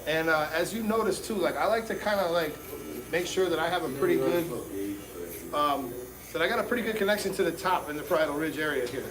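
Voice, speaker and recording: A man's voice: fairly high pitch, quick pace, echoey room, low-quality recording. A man hosting a live haircut tutorial as a barber, talking casually and in slang straight to his viewers. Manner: informal, slangy, addresses viewers directly. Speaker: barber and livestream host giving a haircut tutorial.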